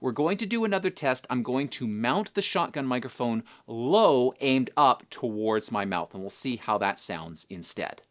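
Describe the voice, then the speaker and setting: A man's voice: mid-range voice, animated, moderate pace, few pauses, a bit bright. A man presenting a hands-on microphone test in a casual, informal, explanatory way. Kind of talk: casual hands-on gear review talk. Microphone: test microphones at varying distances, clip-on and shotgun.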